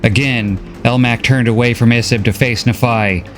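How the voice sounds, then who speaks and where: A man reading a novel recap as scripted story narration, steady and measured. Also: medium pitch, soft background music.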